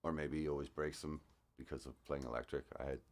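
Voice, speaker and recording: A man's voice: very deep voice, steady tone, fast. A man, a guitarist, casually breaking down a song in an explanatory, thoughtful way with frequent fillers. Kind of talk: casual music breakdown commentary. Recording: music playing in the background.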